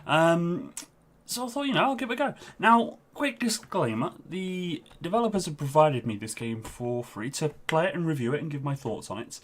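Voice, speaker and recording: A man's voice: fairly high pitch, lively intonation, moderate pace. A man doing casual live-stream game commentary into a headset, out of breath and chatty, with frequent ums.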